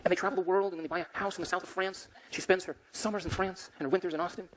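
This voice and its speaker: A man's voice: high voice, steady tone, very fast, noisy background. A man giving a motivational lecture to a live audience, emphatic and constantly quizzing the crowd with questions.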